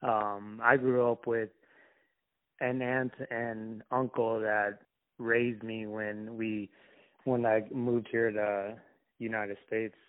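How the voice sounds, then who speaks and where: A young man from Somalia, an interview guest, talking in a halting, reflective way with many restarts. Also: lowish voice, little pitch movement. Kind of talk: casual conversation. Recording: tinny phone-like call line.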